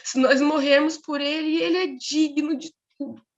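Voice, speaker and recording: A Brazilian woman in middle age shares a personal testimony with her church. Her voice sits high, and she tells the story with animation, slipping into the voices of the people she quotes and repeating words as she goes. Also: steady tone, normal speed, muffled recording. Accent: Brazilian Portuguese. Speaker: church member giving a testimony.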